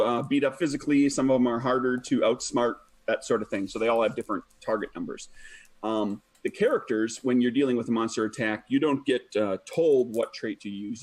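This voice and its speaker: A man as game master, explaining rules in a relaxed way with many ums and uhs. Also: mid-range voice.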